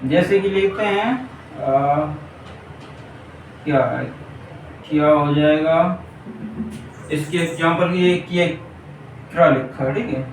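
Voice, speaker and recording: In an echoey room with a distant mic and faint hiss, a man with a fairly high voice teaches Hindi grammar at a board for exam preparation. He speaks slowly with long pauses, repeating points and checking in with the class often.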